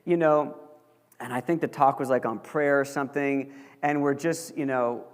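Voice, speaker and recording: A man's voice: mid-range voice, fairly even intonation, moderate pace, smooth. Chatty man lecturing in a reverberant hall. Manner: chatty, filler-heavy, joking. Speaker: guest lecturer. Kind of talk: casual lecture to students. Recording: long reverb of a large hall.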